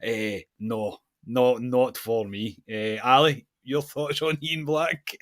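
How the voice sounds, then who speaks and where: A man's voice: mid-range voice, fairly even intonation, slow pace, no echo. A Scottish man hosting a football podcast with easy, friendly chat, tossing in "mate" constantly. The recording is dry, with no room sound. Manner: friendly, says "mate" a lot. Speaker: podcast host.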